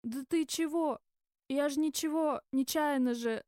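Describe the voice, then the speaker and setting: A woman's voice: high voice, measured pace, dark tone, no room sound, clean studio sound. A woman voicing a young drunk man, mumbling and defensive.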